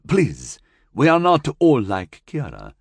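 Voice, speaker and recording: A male narrator voicing a calm, formal and dryly ironic living starship. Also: mid-range voice, slow pace, creaky, no echo, studio quality, voice pushed up, full character voice. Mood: cool.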